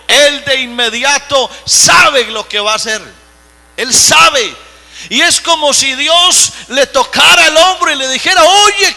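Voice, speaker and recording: A man preaching a live church sermon as pastor, emphatic and given to sudden shouts. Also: very high-pitched. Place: church sanctuary. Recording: echoey hall with mains hum.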